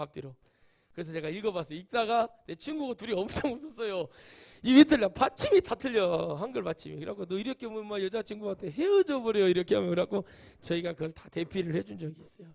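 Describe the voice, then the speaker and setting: A man's voice: high voice, vocal fry, darkish tone. A middle-aged male pastor giving a sermon, telling chatty stories and rising to emphatic exclamations. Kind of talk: sermon with anecdotes.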